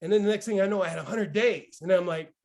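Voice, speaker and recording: Talking quickly in a high voice, a man near fifty runs a lively morning motivational session. He keeps asking "right?" as he checks in with listeners.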